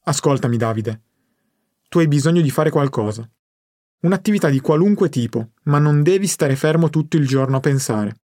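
Man reading as a quiet old grandfather. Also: moderate pace, no echo, clean studio sound, natural voice. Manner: low, controlled, almost monotone voice. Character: elderly grandfather, quiet and controlled. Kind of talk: audiobook narration.

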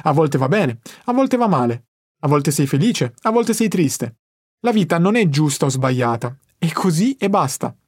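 A man's voice: fairly high pitch, big pitch swings, normal speed, slightly rough, no room sound, studio quality. A man voicing a patient wise old teacher. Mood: patient teaching. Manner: patient, instructive. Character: calm wise older male teacher. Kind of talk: audiobook character reading.

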